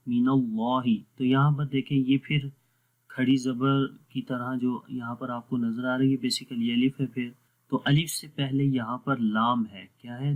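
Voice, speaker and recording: A man teaching a Quran recitation lesson online, explaining step by step, asking the class questions and answering them himself. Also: mid-range voice. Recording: tinny phone-like audio.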